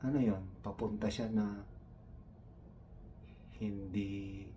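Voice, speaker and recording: A man's voice: lowish voice, fairly even intonation, takes it slowly, far from the mic, background noise. A man from the Philippines doing stand-up storytelling, taking on his coworkers' broken English in a raised voice. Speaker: comedian.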